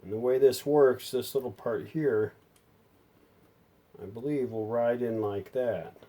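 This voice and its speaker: Speaking at a measured pace in a mellow, medium-pitched voice, a man talks through a hands-on repair without a script, folksy and thinking aloud. He's a hobbyist repairer presenting a how-to video.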